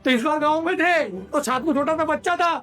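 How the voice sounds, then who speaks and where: Give me an energetic male sales trainer with a high voice, leading a hall seminar with call-and-response. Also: brisk, soft background music. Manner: energetic, drills the audience to repeat lines. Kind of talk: motivational seminar talk.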